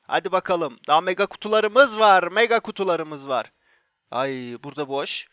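A young man, commenting excitedly as he opens loot boxes in a mobile game, repeating himself and bursting into shouts when something good appears. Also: sits high, normal speed, smooth, no echo, studio quality. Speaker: gaming YouTuber.

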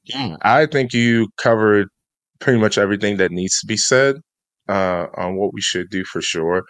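Deep-voiced emphatic man, dry studio sound. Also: normal speed, a bit bright, dry recording. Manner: emphatic, motivational. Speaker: podcast co-host. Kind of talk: casual podcast discussion.

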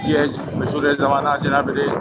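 A man's voice: medium pitch, normal speed. A male vlogger narrating a motorbike tour, steadily pointing out buildings as he rides along an outdoor city road. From Pakistan. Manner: steady guided-tour commentary, naming buildings. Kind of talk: moto vlog tour narration. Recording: loud wind and traffic noise.

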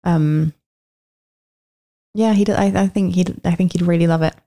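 Low, gravelly woman, relaxed. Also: unhurried. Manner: relaxed, reflective, laughs easily. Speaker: interview guest, co-founder. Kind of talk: casual conversational interview.

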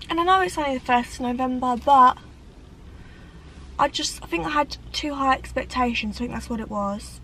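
A woman, chatting to camera from a parked car, animated and gesturing, with dramatic sighs. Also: high-pitched, moderate pace, slight background noise, low-quality recording. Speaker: vlogger. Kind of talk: casual chat to camera. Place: parked car on a rainy day. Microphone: camera on the dashboard.

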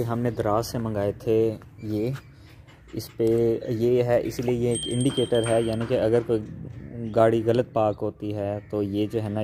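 A man's voice: lowish voice, darkish tone. A young man with a Pakistani Punjabi accent, narrating a casual home vlog while working on a car and directing his family. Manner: chatty, directing family members. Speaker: vlogger. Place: outdoors at a house gate by a car.

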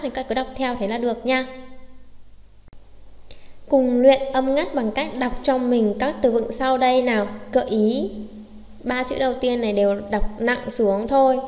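A woman with a somewhat high voice teaches step by step, often posing a question and then answering it herself. The room rings with a long, hollow reverb. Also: normal speed, a little mellow. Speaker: Japanese teacher. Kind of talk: explaining lesson.

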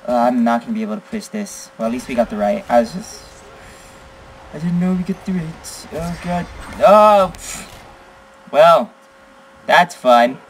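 Excitable teen boy commenting on gameplay. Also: fairly high pitch, measured pace, long pauses, a little hiss or hum, low-quality recording. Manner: excitable, blurting exclamations and teasing. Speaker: gaming channel host. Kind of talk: live gameplay commentary with chat.

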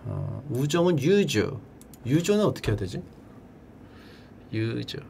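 A man streaming and chatting casually, drilling words by repetition in a playful way and breaking into shouted cheers. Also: very animated, unhurried, vocal fry, slight background noise. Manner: playful, drills words by repeating them in a high echo. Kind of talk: casual livestream chat.

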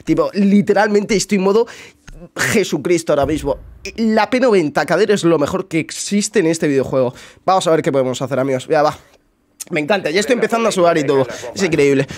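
A young man from Spain with a Spanish accent, commenting on his own game in his bedroom at home, swinging between muttering and excited shouting, and swearing a lot. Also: a little high, fast talker. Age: young adult. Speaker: gamer streamer. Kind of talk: live gameplay commentary.

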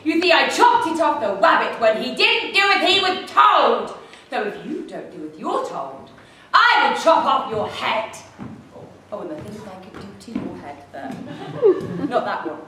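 A woman's voice: high voice, sing-song, unhurried, sharp tone, full character voice. A woman playing a haughty, bawdy, megalomaniac queen in an adult stage pantomime, theatrical and imperious as she works the audience. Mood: gloating, mischievous. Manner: theatrical, imperious, innuendo-laden, addressing the audience. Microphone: camera in the audience. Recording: echoey noisy theatre, distant camera mic.

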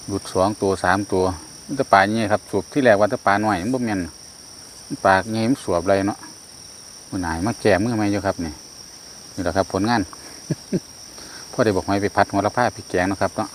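A man with an Isan accent talks casually as he fishes outdoors, his low voice leaping into excited shouts. Insects and crickets buzz steadily all around him. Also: a little fast, pauses often, slight background noise. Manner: excitable, loud exclamations while fishing. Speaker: fishing vlogger. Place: outdoors by natural water.

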